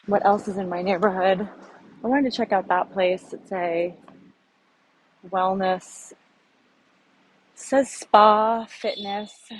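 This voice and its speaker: A middle-aged American woman films a casual walking vlog on city streets, rambling and thinking out loud. Her voice is lowish, the recording quality is low, and faint street noise hangs in the background.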